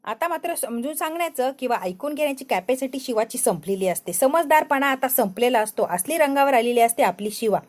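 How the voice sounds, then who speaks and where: A woman's voice: sits high, expressive, a little fast, hardly any pauses, darkish tone. A woman with a Marathi accent retelling a TV serial episode, acting out the characters' lines in her own voice. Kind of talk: dramatic recap narration.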